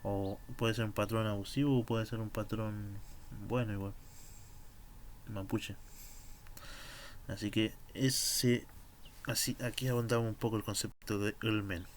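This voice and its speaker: A man teaching a language class, explaining sounds patiently and drawing out words for practice. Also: medium pitch. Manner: slow, patient explanations with drawn-out pronunciation drills.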